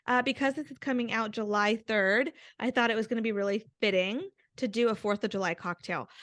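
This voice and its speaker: A woman's voice: a little high, fairly even intonation, fairly quick, a bit bright, no room sound. Giggly chatty woman co-host. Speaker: podcast co-host. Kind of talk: casual chat. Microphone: video call.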